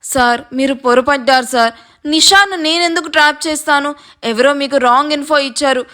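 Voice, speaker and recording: Storybook part: a young woman read by a woman, crying and begging, high and bright. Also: fairly quick. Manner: begging, tearful. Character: terrified young woman employee.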